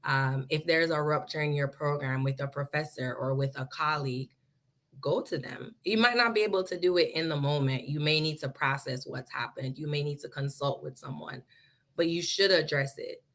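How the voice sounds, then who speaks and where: A woman's voice: sits low, moderate pace, fairly bright tone. A woman graduate student speaking earnestly on a panel discussion over a video call. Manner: earnest, laughs while teasing.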